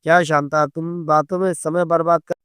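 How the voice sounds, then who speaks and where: A man's voice: fairly high pitch, level tone, normal speed, a bit bright, smooth, no echo, studio quality, lightly acted. A man voicing a coaxing, teasing husband in a storybook tale, pleading with his wife.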